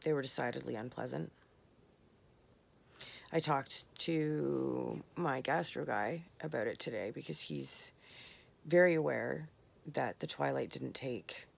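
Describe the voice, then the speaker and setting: A woman talking candidly in a late-night personal vlog, tired and slurring her words, rambling with soft pauses. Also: extremely low pitch, creaky, slightly rough. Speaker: vlogger.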